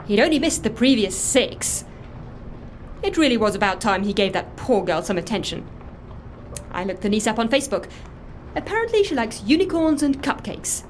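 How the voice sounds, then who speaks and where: Here the actress's voice is a little high and sing-song at a moderate pace, with slight background noise behind it. She plays a guilt-ridden, earnest woman secretly managing a dead man's life, confiding and justifying herself matter-of-factly in naturalistic audio drama.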